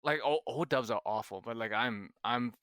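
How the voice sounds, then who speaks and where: Casting: young male co-host from Hong Kong, native Cantonese speaker, bright and punchy, swears freely. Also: mid-range voice, moderate pace, clean tone, dry recording. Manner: animated, swearing, frequent restarts. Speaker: podcast co-host. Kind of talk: casual chat.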